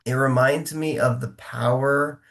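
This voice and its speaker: Slow, measured man hosting a chat. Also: medium pitch, steady tone, gravelly, fairly bright tone. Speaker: podcast host, martial arts master. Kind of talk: casual interview conversation.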